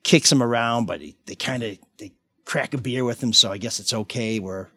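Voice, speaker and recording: A man's voice: medium pitch, normal speed, a bit bright, no echo, clean studio sound. A man co-hosting a radio show, telling jokey movie stories in a wry, teasing way. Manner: wry, joking storyteller. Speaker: co-host. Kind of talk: casual radio banter.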